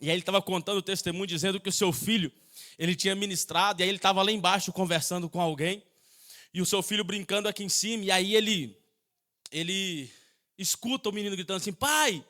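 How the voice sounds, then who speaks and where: Man, sermon preacher, high pitch, bright tone, storytelling, lilting emphasis. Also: steady tone, quick pace. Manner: storytelling preaching, dramatizing quoted voices, sometimes singsong. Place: church sanctuary.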